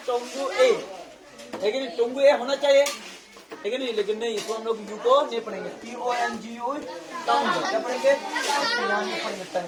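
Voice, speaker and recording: A woman teaching a class on English pronunciation. She spells words out letter by letter and keeps asking her students whether they follow. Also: a little high. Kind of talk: classroom lesson.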